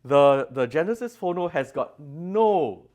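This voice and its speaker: A man presents products as a designer in an exhibition room at an audio show, demonstrating them in an interview and explaining technical details with emphasis. His voice is a little high and a little mellow, with lively intonation and a slightly slow pace.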